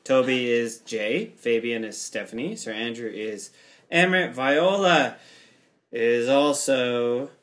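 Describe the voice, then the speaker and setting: A man hosting a podcast, chatting casually with quick asides. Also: medium pitch, fairly bright tone. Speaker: podcast host. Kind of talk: casual chat.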